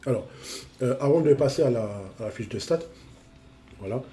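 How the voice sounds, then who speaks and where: A man's voice: medium pitch, expressive, normal speed, mellow, a little hiss or hum. A man with a cold, sniffling as he reviews a mobile game card in a casual, repetitive way, full of fillers. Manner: repeats himself, full of fillers.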